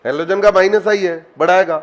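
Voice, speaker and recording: A man with a high voice teaches a chemistry lesson online. He keeps quizzing his students, coaxing answers out of them and calling on them by name. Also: fairly quick, muffled recording.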